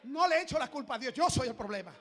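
A male pastor preaching a fiery sermon, shouting fervently and repeating phrases in rising chants. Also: very high-pitched, lively intonation, quick pace, some chatter behind. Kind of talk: fiery Pentecostal-style sermon.

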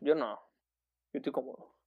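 A man's voice: mid-range voice, normal speed, husky, phone-quality sound. A man hosting a livestream chat, heavy on slang and joking with his audience. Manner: slangy, says "güey" constantly, joking with viewers. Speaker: livestream host. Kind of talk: casual chat.

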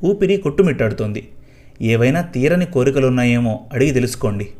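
A man voicing a calm middle-aged village doctor in a spoken story, measured and advising. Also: mid-range voice, close to an everyday voice. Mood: grave.

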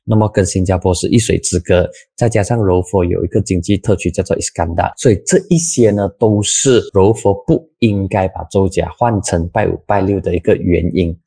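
Male host, Malaysian Mandarin accent, low voice, dry close sound, chatty with filler particles. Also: brisk, creaky, few pauses, mellow, breathy edge, no room sound. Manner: conversational, uses many filler particles. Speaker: news talk show host. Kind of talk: casual news chat with a guest.

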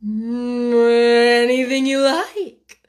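A woman voicing an idle, indifferent male footman in a storybook reading, stretching his words out slowly. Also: on the high side, level tone. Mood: drawling. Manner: slow, drawling, unbothered.

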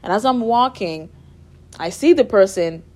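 A woman's voice: mid-range voice, lively intonation, measured pace, darkish tone. A young woman from the Bahamas, a guest chatting casually in an interview, bubbly with frequent laughs and fillers. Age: young adult. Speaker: guest, music therapy student.

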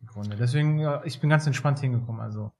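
A man in his thirties from Germany, a physiotherapist talking as a podcast guest in a relaxed way, with many fillers and hesitations. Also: mid-range voice, quick pace. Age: 30s. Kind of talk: casual interview talk.

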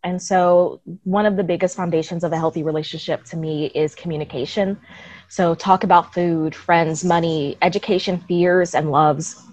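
A woman in her early twenties talks candidly as a panel guest. Her voice sits fairly low and sounds dry and close, with no room around it. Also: fairly even intonation, normal speed, darkish tone, no room sound. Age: 20s. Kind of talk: casual discussion.

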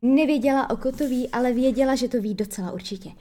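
A woman reading a children's storybook aloud, lively storytelling with small slips. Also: high-pitched, slight background noise.

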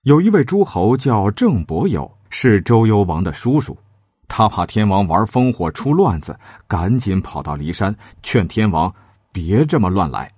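A man tells an old tale, his low husky voice rising and falling with lots of movement. The recording is dry and close. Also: unhurried, dry recording. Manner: lively, dramatic, shifting pitch for characters. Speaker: storyteller. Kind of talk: storytelling narration with acted character lines.

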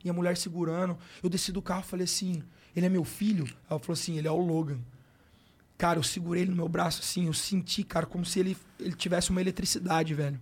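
A man's voice: high-pitched, fairly even intonation, quick pace. A man with a Brazilian Portuguese accent, a guest on a podcast, telling a personal story in casual, slang-filled talk. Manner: slangy, emotional, frequent filler words like "cara" and "brother". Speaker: podcast guest, sports coach.

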